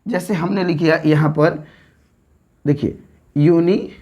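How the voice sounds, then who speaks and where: A woman teaching an English grammar lesson at a whiteboard, repeating words slowly and checking understanding with quick questions. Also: mid-range voice, expressive.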